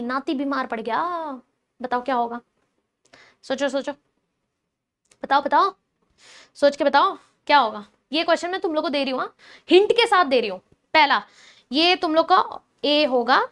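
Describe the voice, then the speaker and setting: A woman biology teacher giving a chatty, animated lecture, teasing and quizzing her students directly. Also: on the high side, vocal fry.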